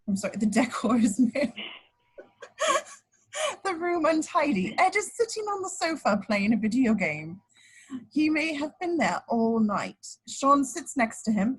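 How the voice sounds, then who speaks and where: A woman with a slightly high, husky voice reads the action descriptions as stage-direction narrator during a casual table read. Now and then she trips over the script and corrects herself. The audio quality is poor.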